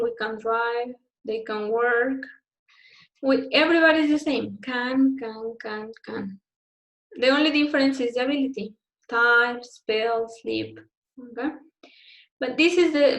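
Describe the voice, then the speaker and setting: A fairly high-voiced woman teaching a beginner grammar lesson. She explains patiently and slowly and keeps checking with her learners. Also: low-quality recording. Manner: slow explanatory delivery with frequent "okay?" checks. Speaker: English teacher.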